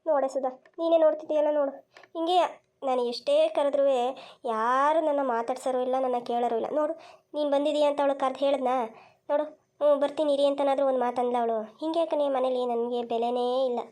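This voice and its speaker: Cartoon comedy scene with a woman playing a grumbling old mother-in-law who scolds everyone and complains nobody listens to her. The voice sits high, with rustic village talk full of grievances. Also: fairly even intonation, fast, a little mellow, natural voice. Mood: complaining. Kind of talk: cartoon voice acting.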